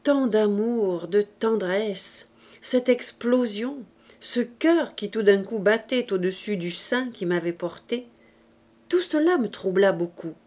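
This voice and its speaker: Brief: female audiobook narrator, slow and measured, mid pitch. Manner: measured, even storytelling. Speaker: audiobook reader. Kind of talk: unhurried literary narration.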